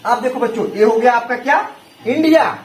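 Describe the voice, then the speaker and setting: In an echoey classroom with a little background noise, a male English teacher keeps putting one question to his students over and over. His pitch is extremely high, and he speaks at a normal speed.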